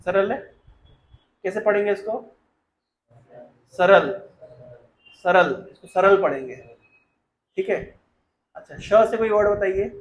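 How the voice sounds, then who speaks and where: Guy teaching students, high voice, keeps quizzing them, echoey classroom. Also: lively intonation, moderate pace, long pauses. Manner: questioning, coaxing students to answer.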